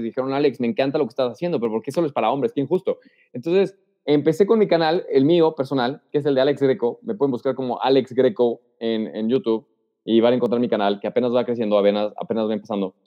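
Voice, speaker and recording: A man speaking as an interview guest, giving social advice and acting out example lines. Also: mid-range voice. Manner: animated, acts out example lines. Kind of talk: casual interview talk. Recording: dull sound with long reverb.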